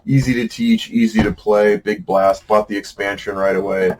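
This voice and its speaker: Against a noisy background, a middle-aged board game show host speaks in a lowish, level voice at a moderate pace. His casual talk about board games is chatty and wry, self-deprecating, and full of "uh"s and restarts.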